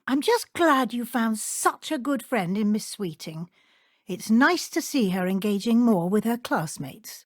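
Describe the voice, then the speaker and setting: Professor Matilda Weasley, high-voiced formal schoolmistress. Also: female voice, dry recording, clean studio sound. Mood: wry, approving. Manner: formal, measured, crisp schoolteacher diction. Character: stern but caring woman professor at a wizard school. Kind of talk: scripted video game character dialogue.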